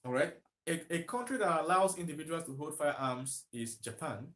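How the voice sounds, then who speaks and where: A Nigerian man commentating on a live stream talks to his viewers in a fairly high, animated voice that is a bit bright and moderately paced. He is emphatic, repeating himself and posing rhetorical questions.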